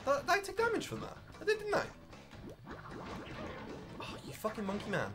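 A man gaming with friends, swearing and raging loudly at the game in casual chat. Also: very high-pitched, wildly swooping pitch, music in the background. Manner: sweary, loud, quick to rage at the game. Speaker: gamer playing with friends.

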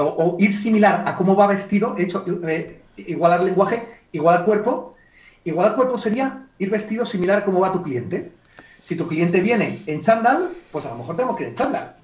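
A man leads an online workshop on communication. His voice sits high, and he acts out little client exchanges along the way. He is heard from a distance in a room with a lot of echo. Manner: lively, acts out client dialogues, addresses chat participants by name. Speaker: communication trainer. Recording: echoey room, distant mic.

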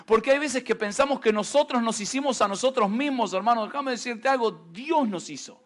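A man preaching a sermon, animated and quick to throw in rhetorical questions and jokes. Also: very high-pitched.

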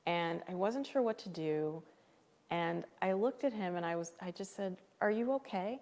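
Low, gravelly-voiced woman author. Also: moderate pace, darkish tone, in a large hall. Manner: thoughtful, candid, emotional. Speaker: author guest. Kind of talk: live interview, personal storytelling. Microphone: live stream setup.

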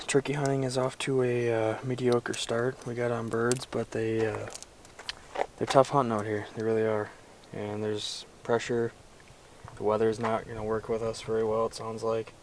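A man's voice: lowish voice, recorded from a distance, slight background noise. A young man talking casually on a camp vlog, easygoing and chatty, with many fillers, outdoors at night. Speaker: vlogger.

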